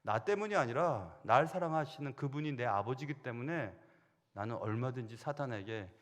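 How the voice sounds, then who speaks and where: A man's voice: medium pitch, moderate pace. A middle-aged man preaching a sermon as senior pastor, telling stories animatedly. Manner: animated storytelling, acting out quoted voices. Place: church sanctuary. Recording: long hall reverb.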